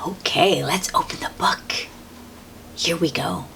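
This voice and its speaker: A woman reads a picture book aloud to young children, whispering slowly in a low, gravelly voice with a fairly bright tone. As a children's read-aloud host, she adds exclamations and stretches words out for effect.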